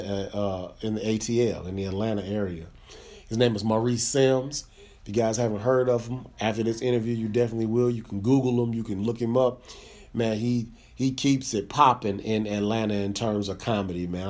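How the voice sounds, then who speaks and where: A man's voice: fairly low pitch, darkish tone. A man hosting a casual comedy podcast, talking in a laid-back, slangy way with plenty of fillers. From Midwest US (born Chicago, raised Michigan).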